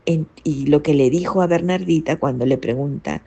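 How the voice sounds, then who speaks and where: A woman speaks in a low, dark and gravelly voice, giving a spiritual teaching. She talks slowly and reflectively, often tacking on rhetorical questions as she explains. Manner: reflective, frequent rhetorical "¿no?" tags. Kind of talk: spoken catechesis talk.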